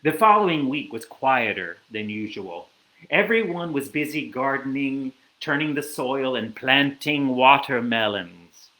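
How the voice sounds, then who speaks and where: A man reading a children's storybook aloud in an animated, expressive way. His pitch moves widely and his pace is slow and relaxed. The room around him is roomy and echoey. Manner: animated, lively storytelling with asides. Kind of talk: reading a picture book aloud.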